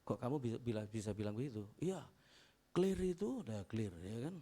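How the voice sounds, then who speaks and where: A man's voice: mid-range voice, big pitch swings, a little fast, mellow. A middle-aged man preaching a chatty, anecdotal sermon as pastor, repeating phrases and calling for amens. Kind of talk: conversational sermon.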